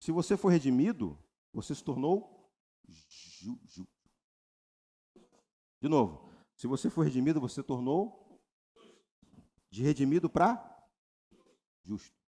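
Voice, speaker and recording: A man with a Brazilian Portuguese accent preaches as pastor at a church retreat service, his slightly rough voice moving at a measured pace with long pauses. He's animated, asks the crowd to respond, and imitates congregants' prayers in high voices.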